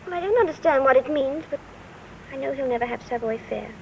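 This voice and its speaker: A wistful young castaway mother, soft and earnest in a 1940s film manner. Her voice sits high and light. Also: expressive, fast, gravelly, lo-fi sound, slight background noise. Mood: gentle. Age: young adult.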